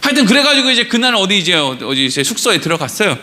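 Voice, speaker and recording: A middle-aged pastor preaches in a church with a high, bright voice. He tells stories with energy, acts out his characters' lines and keeps asking the congregation questions. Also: quick pace. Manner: animated storyteller, acting out dialogue and asking the congregation questions. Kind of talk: Wednesday sermon with storytelling. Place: church sanctuary.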